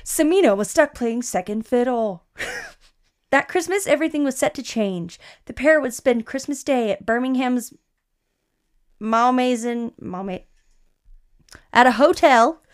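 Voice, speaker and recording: A woman's voice: on the high side, lively intonation, unhurried, pauses often, clear, resonant tone. A young woman co-hosting a casual podcast, reading an article aloud, swearing and stumbling over words. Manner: laughs often, swears, stumbles while reading. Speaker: podcast co-host.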